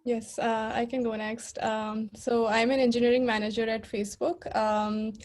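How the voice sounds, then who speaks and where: A woman speaks as a panelist over a video call. Her voice sits fairly high but stays almost entirely flat, and she talks in a matter-of-fact way. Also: moderate pace. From Pakistan. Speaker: panelist, engineering manager.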